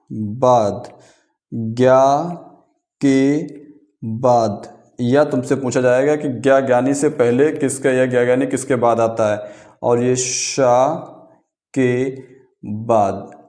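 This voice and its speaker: A man teaching an exam-prep grammar lesson, repeating key terms slowly and answering his own questions. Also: mid-range voice, darkish tone. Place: room, writing on paper.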